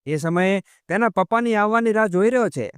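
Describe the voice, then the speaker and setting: A man reading a sharp-tongued, quarrelsome young wife. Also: sits high, fairly quick, clean tone, no room sound, clean studio sound, lightly acted. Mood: taunting. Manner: scolding, taunting.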